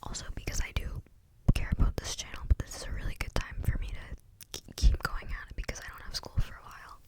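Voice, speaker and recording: A young woman gives a rambling, unscripted ASMR talk in a breathy, clicky whisper, very close to the mic as if right in your ear. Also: fast. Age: young adult. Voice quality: breathy, unvoiced whisper with clicky mouth sounds. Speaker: ASMR video creator. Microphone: close microphone without cover.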